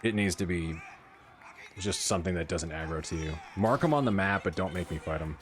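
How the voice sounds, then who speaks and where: Deep-voiced, cussing male game streamer. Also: fairly quick. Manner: profane, joking banter. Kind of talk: live gaming commentary.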